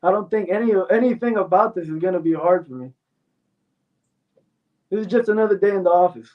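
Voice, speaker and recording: A man's voice: high-pitched, a little fast. A man born in Mexico, a fighter answering interview questions bluntly and confidently, with frequent fillers. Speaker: MMA fighter guest. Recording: tinny phone-like sound from far off.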